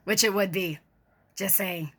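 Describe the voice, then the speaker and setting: A woman creator reads dramatically in a mock-formal, theatrical style, interrupting herself with casual asides full of sarcasm and swearing. Her mid-range voice keeps a measured pace and a fairly bright tone.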